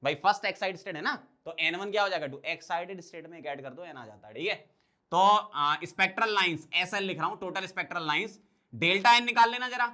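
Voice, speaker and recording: A man teaching exam-prep chemistry, quickly asking questions and answering them himself. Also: high voice, bright, forceful tone. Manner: quick, drilling, asks and answers his own questions. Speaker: chemistry tutor.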